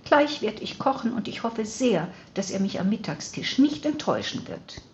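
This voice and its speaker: A woman's voice: medium pitch, big pitch swings, normal speed, highs cut off, slight background noise, pitched above the performer's own voice, close to an everyday voice. A woman doing a fretful old mother. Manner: fretful, insistent. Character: fussing, worried elderly mother.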